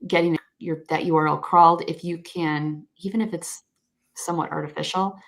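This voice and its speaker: On a video call, a guest expert explains search crawling in a conversational way, thoughtful and candid, with many self-corrections. She has a low, creaky voice with a steady tone and moderate pace.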